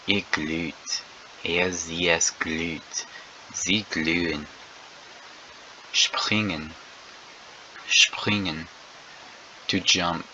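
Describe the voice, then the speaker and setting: Man, very bright tone, deliberate verb drill, repeats each word, lesson. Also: sits low, lo-fi sound, a little hiss or hum. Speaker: language teacher.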